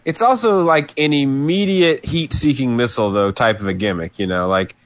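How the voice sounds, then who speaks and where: A man co-hosting a podcast, talking about old wrestling in a relaxed, knowledgeable way. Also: mid-range voice, moderate pace, no room sound. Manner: relaxed, knowledgeable, easygoing with fillers. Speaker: podcast co-host.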